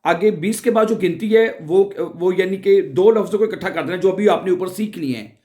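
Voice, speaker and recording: A man's voice: high voice, dark tone. Patient man teaching. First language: Urdu. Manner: patient, repeats words slowly and asks the listener questions. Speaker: language teacher. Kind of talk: casual spoken lesson.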